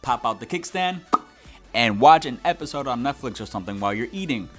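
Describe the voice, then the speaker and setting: A man's voice: mid-range voice, expressive, a little fast, soft background music. A young man giving a scripted but conversational video game review as its host.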